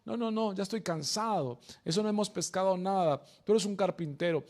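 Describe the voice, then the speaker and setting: A male pastor voicing a weary, doubtful fisherman in a quiet, tired protest. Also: high voice, brisk.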